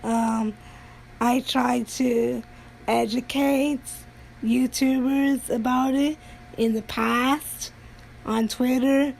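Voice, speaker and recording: A woman streamer chatting casually on a livestream in a halting way, often pausing mid-sentence. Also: on the high side, steady tone, gravelly, darkish tone, slight background noise, rough recording. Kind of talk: casual rambling livestream talk.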